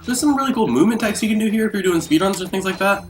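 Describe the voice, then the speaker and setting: A man's voice: sits high, lively intonation, rapid-fire, faint music behind, rough recording. A young man hosting a let's play, giving upbeat, chatty, jokey gameplay commentary.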